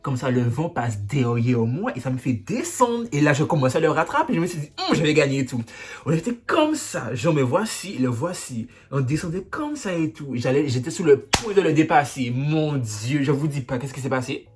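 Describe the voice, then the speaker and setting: Animated man telling a storytime. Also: fairly high pitch, normal speed, few pauses. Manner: animated storytelling, dramatic sound effects. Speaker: vlogger. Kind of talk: storytime vlog.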